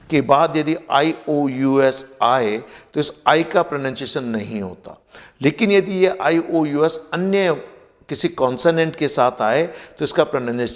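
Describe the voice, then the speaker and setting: Slow-talking male teacher, reverberant room. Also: fairly high pitch. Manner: slow, explanatory, spells words out letter by letter and repeats pronunciations. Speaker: vocabulary teacher for competitive exams. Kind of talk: Hindi-English mixed vocabulary lesson. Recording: long reverb.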